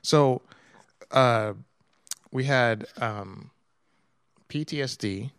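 A man's voice: mid-range voice, extremely slow, fairly bright tone, smooth, no echo. Wry podcast man, dry sound. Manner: wry, self-deprecating. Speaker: podcast co-host. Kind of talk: casual chat.

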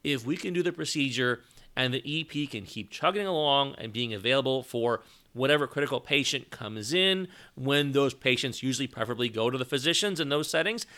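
Man, podcast co-host, medical explainer, bright voice, steady delivery. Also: medium pitch. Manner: measured, explanatory. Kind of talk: educational medical podcast talk.

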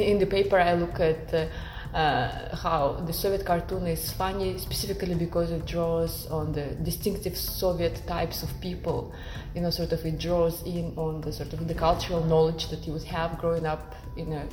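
A woman's voice: on the low side, level tone, moderate pace, few pauses, reverberant, background noise. A woman from Kazakhstan, a guest academic in an interview, talking thoughtfully with many fillers and restarts. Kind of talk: conversational interview.

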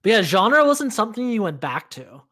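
Wry, relaxed man podcast guest. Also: sits high, moderate pace. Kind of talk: casual film discussion.

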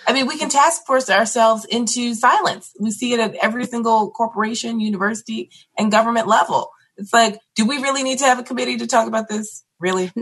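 A woman on a discussion panel who talks in an animated, emphatic and sardonic way, like a teacher making a point. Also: on the high side, quick pace, few pauses, breathy edge. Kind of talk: casual political discussion.

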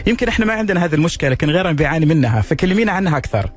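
A man's voice: a little high, big pitch swings, racing, soft background music. A male radio host, welcoming a guest and asking her questions plainly on a talk show.

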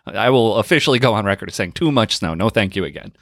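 A man co-hosting a podcast, chatting casually and telling quick, jokey stories. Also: lowish voice, animated, gravelly, fairly bright tone, no room sound, clean studio sound. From northeastern United States. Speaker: podcast co-host. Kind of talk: casual chat.

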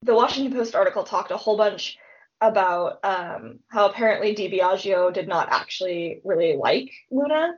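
A woman's voice: medium pitch, lively intonation, moderate pace, lo-fi sound. A woman co-hosting a casual true-crime podcast, retelling the case in a chatty way with lots of fillers. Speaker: podcast co-host.

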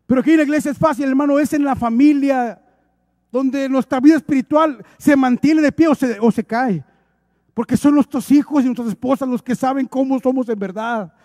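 A man's voice: very high voice, moderate pace, darkish tone, dry recording, studio quality. A male preacher delivering an emphatic, exhorting sermon, lightened with humorous acted asides.

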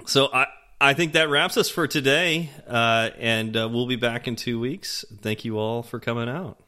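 A man hosts a casual podcast with an easy, chatty manner. His voice is bright and forward, and he laughs often as he reads listener reviews aloud. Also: medium pitch, fairly even intonation, normal speed. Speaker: podcast host.

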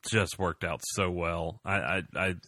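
A man hosting a casual podcast, recapping a TV episode in animated, joking asides. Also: deep voice, dry recording. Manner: animated, joking, retells scenes in quick asides.

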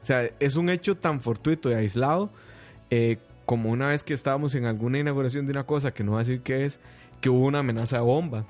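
A man's voice: mid-range voice, fast, darkish tone, soft background music. A man with a Costa Rican accent, hosting a casual panel podcast and talking bluntly and emphatically. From Costa Rica. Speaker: podcast host.

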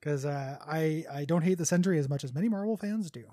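A man co-hosting a podcast in casual chat, blunt and jokey, quick to vent. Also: fairly high pitch, mellow, no room sound. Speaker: podcast co-host.

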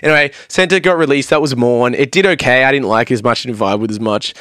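A man's voice: mid-range voice, fast talker, dry recording, studio quality. A young man, a podcast guest, telling stories in casual chat, swearing freely and acting out what people said. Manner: animated storytelling, swearing freely, acting out quotes.

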